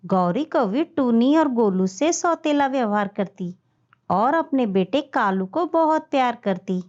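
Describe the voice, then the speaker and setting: A woman's voice: fairly high pitch, animated, measured pace, darkish tone. A woman narrating a scripted children's story as a storyteller. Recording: dull lo-fi audio.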